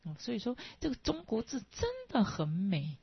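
Husky Taiwanese woman giving a dharma talk. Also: medium pitch, big pitch swings, moderate pace, no echo. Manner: digressive, mixes in Hokkien, frequent tag particles. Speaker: Buddhist teacher. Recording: dull, lo-fi dry recording.

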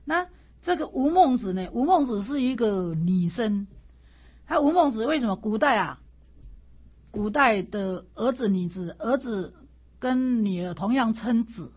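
A woman's voice: on the high side, lively intonation, measured pace, husky. A woman teaching the Analects in a conversational lecture, often repeating and restarting phrases and pushing up into emphatic questions. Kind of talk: informal classroom lecture on classical texts. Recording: dull lo-fi recording.

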